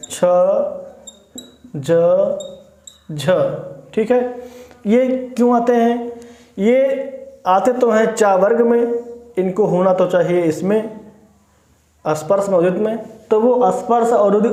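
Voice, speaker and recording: A man with a light, high voice teaches grammar to students in a classroom style. He goes step by step, repeats himself and keeps checking that they follow. The sound rings off the walls of an echoey room. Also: slow, long pauses, warm tone. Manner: repetitive, explains step by step, frequent "ठीक है ना" check-ins.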